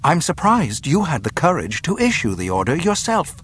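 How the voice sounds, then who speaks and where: A man voicing a proud, sharp-tongued young princess held captive, in a storybook reading. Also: fairly high pitch, wildly swooping pitch, moderate pace, a little hiss or hum, voice pushed up. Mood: scornful.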